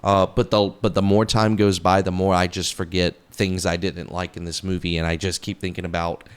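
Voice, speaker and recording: Man, deep smooth voice, rambling casual review, lots of fillers. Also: little pitch movement, normal speed. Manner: rambling, many fillers and restarts; enthusiastic, casually profane. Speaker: movie reviewer. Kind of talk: casual spoken movie review.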